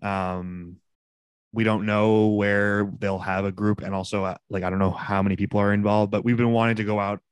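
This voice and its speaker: A man's voice: fairly low pitch, little pitch movement, moderate pace, smooth, no room sound. A young man co-hosting a podcast, chatting in an informal, rambling way. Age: young adult. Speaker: podcast co-host. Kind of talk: casual podcast chat.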